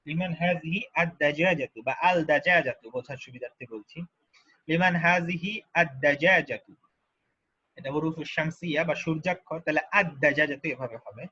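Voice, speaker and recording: A man teaching Arabic grammar in a lesson, who patiently repeats each form slowly and asks the learners questions. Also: fairly high pitch, sharp tone, husky, dull audio. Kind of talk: online grammar lesson explained in Bengali.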